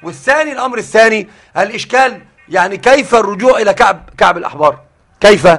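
Guy teaching a religious lesson, fast talker, keeps restarting and repeating words. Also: sits high, animated, fairly bright tone, faint music behind. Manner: halting, repeats words often. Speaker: sheikh teaching hadith.

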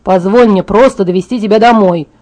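Female reader as a smug, unbothered teen boy, calm teasing, mellow low-key tone. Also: fairly quick, lightly acted.

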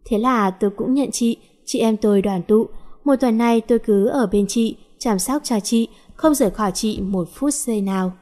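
A woman tells a first-person story, her voice sitting a little high. She narrates steadily and lifts her voice slightly for the characters' lines. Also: moderate pace, warm tone.

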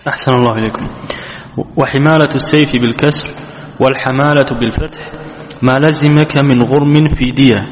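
A man at a middle pitch reads passages of a classical text aloud for his teacher. His delivery is formal and steady. The sound is dull, with long reverb from a big hall. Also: quick pace, slight background noise. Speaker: student reading the text aloud.

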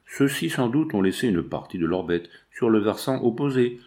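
A man reading an audiobook, voicing a proud young woman who answers with lively, wounded pride. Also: medium pitch, normal speed, natural voice. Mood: piqued. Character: proud young Italian woman, quick to defend.

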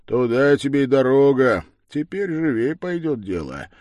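A man voicing a bold, grumbling old grandfather who mutters and shouts as he digs for treasure. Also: mid-range voice, big pitch swings, moderate pace, no room sound, pitched above the performer's own voice, lightly acted. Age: over 60. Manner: grumbling, loud exclamations.

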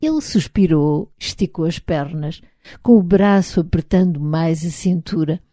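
A woman with a European Portuguese accent narrates a novel in the first person, measured and even. Her voice is low and mellow, recorded close on a dry, dead studio mic. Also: no room sound. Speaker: audiobook narrator.

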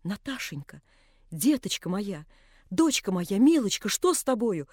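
Tearful old father, tender and imploring, mellow voice, dry close sound, read by a woman. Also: mid-range voice, sing-song, a little slow, breathy edge, no echo.

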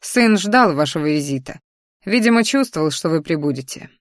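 A woman's voice: sits low, lively intonation, moderate pace, no room sound, clean studio sound. A woman voicing a courteous, good-natured middle-aged father with a sly, teasing manner in a story. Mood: genial.

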